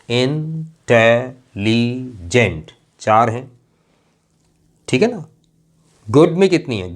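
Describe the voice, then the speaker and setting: A male teacher giving a classroom lecture in a patient, explaining manner. He spells out example words slowly and letter by letter, and keeps checking that his students follow. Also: mid-range voice. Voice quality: slow, drawn-out emphasis on example words. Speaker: English teacher.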